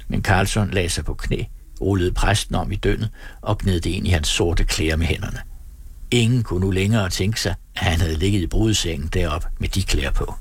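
Low husky male audiobook narrator. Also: no room sound. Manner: steady storytelling read. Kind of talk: scripted narration.

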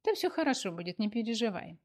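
A woman's voice: on the high side, big pitch swings, fast talker. A woman voicing a chatty, bossy young woman who teases her friend and keeps interrupting. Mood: conspiratorial. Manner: pushy, teasing, interrupting.

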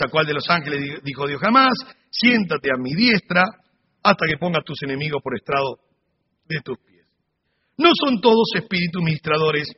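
A man teaching a Sunday school sermon, animated storytelling with humorous asides. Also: fairly high pitch, slightly rough. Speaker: Bible teacher. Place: church hall. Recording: dull recording in a reverberant hall.

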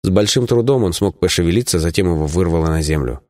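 A man's voice: sits low, animated, fast, darkish tone, no room sound, clean studio sound. A man reading a fantasy novel aloud in first person, plainly and evenly, with small voice changes for the dialogue. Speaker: audiobook narrator. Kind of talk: first-person audiobook narration.

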